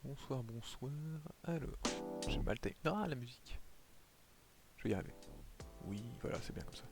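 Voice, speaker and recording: A man's voice: mid-range voice, animated, moderate pace, gravelly. A man streaming a game live, talking casually to his viewers and explaining as he plays, with lots of fillers. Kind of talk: casual gameplay commentary. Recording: faint music behind.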